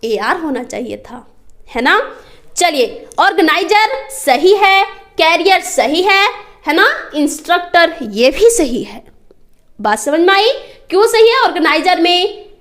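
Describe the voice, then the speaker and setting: A young woman teaching a class, explaining slowly, spelling words out, and constantly asking the students whether they follow. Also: extremely high pitch, sing-song, fairly bright tone. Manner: constantly quizzes students, checks understanding. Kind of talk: classroom lesson.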